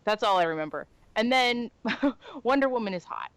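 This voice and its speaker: A woman co-hosting a podcast, telling stories in an animated, chatty way. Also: on the high side, normal speed, dry recording. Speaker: podcast co-host. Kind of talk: casual chat.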